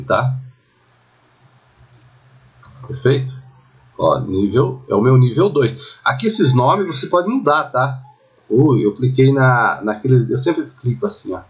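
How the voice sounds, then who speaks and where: A Brazilian man leads a screen-recorded design software lesson and keeps pausing to ask whether the viewer follows. His voice sits at an ordinary mid pitch. The audio comes through dull and lo-fi, like a basic screen capture. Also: expressive. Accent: Brazilian Portuguese. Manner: chatty, checks in with the viewer constantly. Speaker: architecture software instructor.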